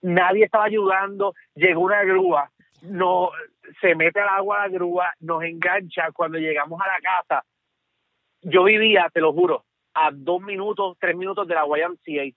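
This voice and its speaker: A Puerto Rican man calling into a show, telling a story in an animated way and repeating "te lo juro" and "¿ok?". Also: high voice, normal speed, no room sound. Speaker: caller. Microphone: phone. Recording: tinny dry phone line.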